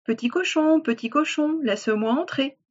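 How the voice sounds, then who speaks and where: A woman voicing a sly, hungry male wolf in a children's storybook reading, coaxing and drawing out his threats slowly. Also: sits high, lo-fi sound, voice pushed up, lightly acted. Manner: coaxing, then slow drawn-out threats.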